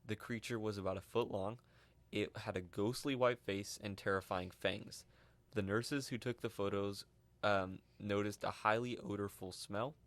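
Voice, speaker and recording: A young man co-hosting a casual podcast, speaking in a low voice. He reads articles aloud, trips over odd names and breaks into laughter often. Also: steady tone, moderate pace, fairly bright tone, dry recording. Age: young adult. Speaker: podcast co-host.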